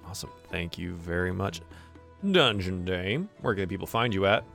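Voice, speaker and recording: A man hosting and narrating a live tabletop game as game master, in an informal, halting, improvised delivery. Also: sits low, vocal fry, a bit bright, faint music behind. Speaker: game master and show host. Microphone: online voice call.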